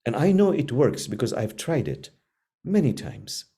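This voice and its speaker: Slow, earnest spiritual teacher, man. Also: medium pitch, huge pitch swings, mellow, slightly rough. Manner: slow, earnest, repetitive phrasing with long pauses. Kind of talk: gentle spiritual class talk.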